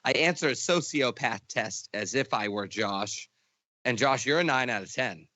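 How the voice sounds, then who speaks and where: Teasing man with a bright voice. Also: medium pitch, no room sound. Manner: teasing, quick to joke and laugh. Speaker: podcast co-host. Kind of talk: casual comedic chat.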